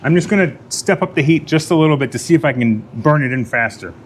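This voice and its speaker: A man hosts his own garage vlog, chatting casually to himself and viewers as he works, cracking self-deprecating jokes, muttering asides and sometimes whispering. His voice is a little high, animated and quick, with a little hiss or hum.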